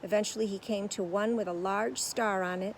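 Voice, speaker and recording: A woman narrating a storybook aloud in a lively, expressive way. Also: mid-range voice, brisk, a little hiss or hum, poor audio.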